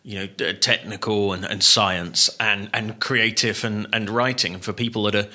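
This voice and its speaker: A man's voice: on the low side, steady tone, normal speed, bright, forceful tone. A man co-hosting a podcast, chatting in a dry, joking, easygoing way. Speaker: podcast co-host. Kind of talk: casual podcast chat.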